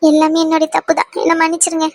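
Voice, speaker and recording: A woman voicing mothers and daughters in a cartoon family drama, soft and motherly. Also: extremely high pitch, monotone, fast talker, no room sound. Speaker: voice actor for women in a family cartoon.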